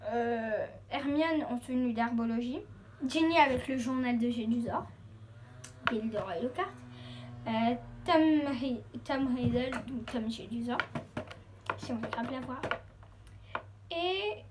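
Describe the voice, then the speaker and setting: A woman talking to her viewers in a casual, excitable, rambling vlog with lots of fillers. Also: high voice, noisy background. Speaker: YouTuber showing her collection.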